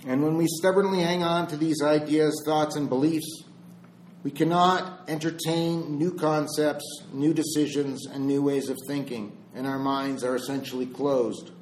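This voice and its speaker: A man giving a slow, deliberate spiritual talk, pausing between phrases and telling a parable. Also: fairly high pitch, steady tone, a little mellow, a little hiss or hum. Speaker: spiritual speaker. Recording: roomy echo.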